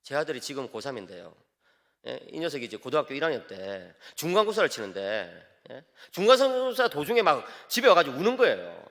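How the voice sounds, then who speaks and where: A middle-aged male pastor preaching a sermon in a large church, telling stories with lively, emphatic repetition. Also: medium pitch, fairly quick. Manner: animated, storytelling with emphatic repetition. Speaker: pastor and theology professor. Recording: reverberant church hall.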